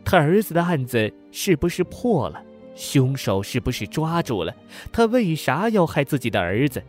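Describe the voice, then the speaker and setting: A man's voice: a little high, big pitch swings, moderate pace, faint music behind, pitched above the performer's own voice. A man voicing a grieving, sick village mother in her fifties who pleads tearfully for news about her son. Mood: pleading, grieving.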